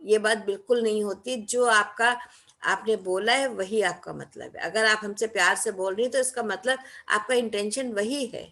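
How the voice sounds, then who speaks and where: A woman's voice: mid-range voice, moderate pace, fairly bright tone. Emphatic woman giving a motivational talk. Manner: emphatic, acts out quoted lines. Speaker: speaker.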